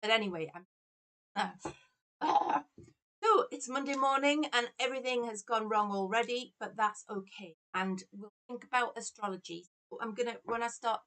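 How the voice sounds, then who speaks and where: A woman's voice: on the high side, moderate pace, a bit bright. A woman hosting a livestream, chatting casually and rambling in a self-deprecating way through a laptop microphone at her desk. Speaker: tarot reader and livestream host.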